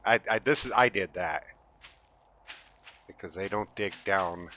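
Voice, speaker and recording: A man's voice: low voice, measured pace. A man with a lisp from missing teeth gives casual, sweary, self-deprecating commentary as he plays a video game. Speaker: gamer hosting a gameplay video. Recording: gunfire and game noise behind voice. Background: loud video game gunfire.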